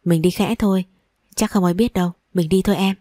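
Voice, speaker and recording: Lightly acted by a woman narrator, the teasing, coaxing young boyfriend from this audio story speaks in a low, mellow voice with a steady tone and a slightly fast pace. The recording is close and dry, free of room sound.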